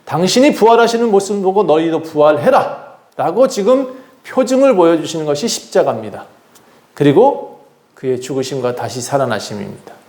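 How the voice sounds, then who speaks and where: Echoey, high-voiced Korean pastor preaching. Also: male voice, warm tone. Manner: earnest preaching, acts out quoted voices. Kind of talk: sermon. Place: church sanctuary.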